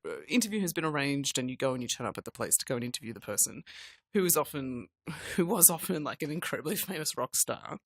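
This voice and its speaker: A woman's voice: low-pitched, a bit bright, no echo, studio quality. A middle-aged woman co-hosting a podcast, explaining her views in casual conversation. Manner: thoughtful, explanatory. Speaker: podcast co-host.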